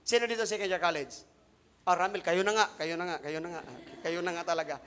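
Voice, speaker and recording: A man with a strikingly high, bright voice delivers a Sunday sermon built on his own testimony. He talks straight to the congregation and mixes in English phrases. He drops to quiet asides, then rises to loud, emphatic lines. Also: quick pace, slight background noise. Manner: addresses congregation directly, mixing in English phrases. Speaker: preacher.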